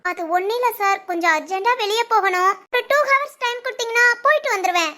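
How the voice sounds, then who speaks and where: A woman acting several parts in a village web drama, lively and scolding, with a high bright voice. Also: quick pace.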